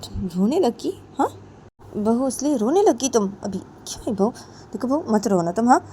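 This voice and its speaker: A woman's voice: on the high side, lively intonation, normal speed, warm tone, a little hiss or hum, voice pushed up, lightly acted. A woman voicing a stern middle-aged mother-in-law who scolds and repeats her commands. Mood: coaxing. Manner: bossy, repeats threats and commands.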